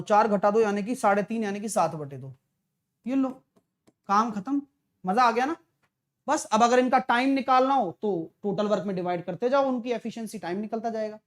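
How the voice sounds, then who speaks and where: A male math teacher talking a live online exam-prep class through problems, brisk and coaxing, calling viewers brother and dear. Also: high voice. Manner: brisk, coaxing, chatty, mixes English terms, calls viewers brother and dear.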